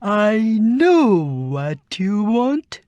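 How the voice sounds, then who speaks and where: A woman playing a weird, menacing video game boss, with slow, overdone bad acting. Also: medium pitch, very animated, dark tone, faint music behind.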